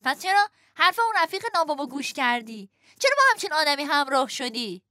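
A woman voicing a kind, caring female marmot neighbor who talks in a gentle, consoling, lecturing way, in a storybook audio drama. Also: high-pitched, big pitch swings, no echo, clean studio sound, heavily acted. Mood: questioning.

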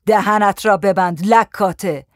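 A narrator voicing a brutal male tyrant who barks slow, harsh commands, louder than the narration. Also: mid-range voice, no echo, clean studio sound, lightly acted.

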